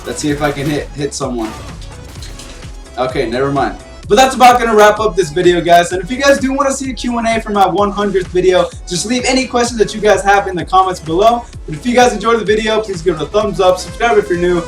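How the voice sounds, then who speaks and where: A young man tells a story casually, his voice sitting high. He rambles with "like" at every turn and sounds incredulous. He is off the mic in an echoing room. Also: fast talker, hardly any pauses. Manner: rambling, many "like" fillers, incredulous. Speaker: vlogger. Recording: roomy and distant, faint music.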